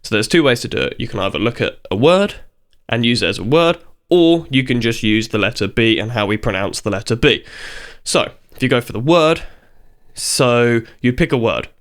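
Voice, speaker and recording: Male beatbox tutor, mid pitch, informal and conversational, demonstrates as he explains. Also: lively intonation, normal speed, a bit bright. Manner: chatty and informal, breaks off to demonstrate sounds. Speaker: beatbox teacher. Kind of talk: casual video tutorial.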